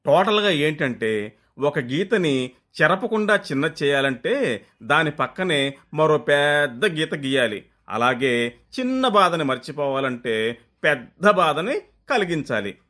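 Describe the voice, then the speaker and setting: A man's voice: fairly high pitch, very animated, unhurried, pushed and bright, soft background music, heavily acted. A man voicing a sly, self-important court jester who explains things in a show-off, lecturing way.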